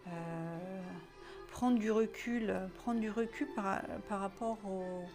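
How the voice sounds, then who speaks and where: A woman guides a self-help exercise at an unhurried, drawn-out pace, her pitch sitting in the middle of the range. She thinks aloud while writing, often sinking into a murmur or a whisper. Classical music plays faintly in the background. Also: steady tone. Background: classical music playing.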